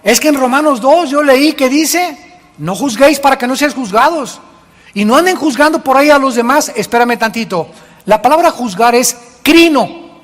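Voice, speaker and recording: A male pastor preaching a sermon in an animated way, acting out the church members he quotes. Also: extremely high pitch, moderate pace. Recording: long hall reverb.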